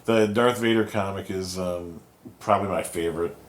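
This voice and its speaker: A man with a lowish voice chats loosely as a podcast host. He rambles, swears casually and often trails off mid-thought. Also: fairly even intonation, moderate pace, slight background noise. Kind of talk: casual chat.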